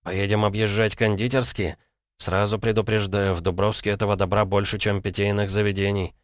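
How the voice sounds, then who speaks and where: A man voicing a calm, wry male companion with a dry, measured way of speaking. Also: fairly low pitch, no room sound, close to an everyday voice.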